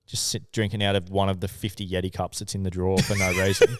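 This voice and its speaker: A man's voice: low-pitched, flat delivery, fast, a little hiss or hum. A young Australian man co-hosting a podcast, telling stories in a laid-back way and swearing a lot. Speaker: podcast co-host. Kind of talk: casual storytelling chat.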